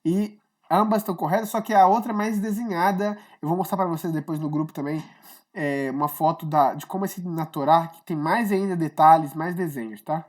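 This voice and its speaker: A woman teaches an informal online lesson with a slightly low voice. She explains patiently and conversationally, checking in often with her students. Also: fairly quick, a little mellow. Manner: chatty, explains step by step, keeps checking with "tá?". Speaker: Hebrew teacher.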